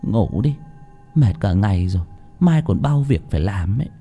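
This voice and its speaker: A man's voice: mid-range voice, sing-song, brisk, creaky, mellow, faint music behind, voice pushed up. A man voicing a blunt, nagging village wife in a scolding manner. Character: sharp-tongued village wife, grumbling and blunt.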